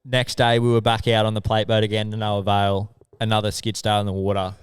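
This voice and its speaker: A young man with an Australian accent tells stories on a podcast in a loose, sweary way. His voice sits low and sounds clean and smooth, recorded dry and close. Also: brisk, dry recording. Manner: laid-back, swears often, animated when telling stories. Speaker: podcast co-host. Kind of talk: casual storytelling chat.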